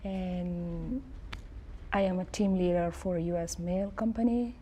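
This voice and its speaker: A woman from South Sudan answers interview questions in a low, flat, mellow voice. She speaks hesitantly in simple phrases, with faint room noise behind her. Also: slow. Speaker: interviewee, homeowner.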